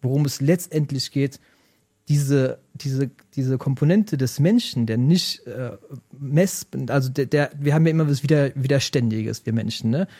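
Author explaining, warm dark voice. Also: male voice, medium pitch, normal speed, breathy edge, dry recording, studio quality. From Germany. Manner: animated storytelling, explanatory. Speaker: guest. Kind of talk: conversational interview.

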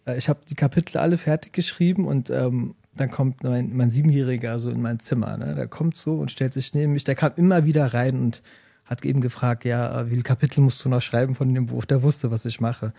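Author explaining, warm dark voice. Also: male voice, mid-range voice, a little fast, creaky, no room sound, clean studio sound. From Germany. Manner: animated storytelling, explanatory. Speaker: guest. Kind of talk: conversational interview.

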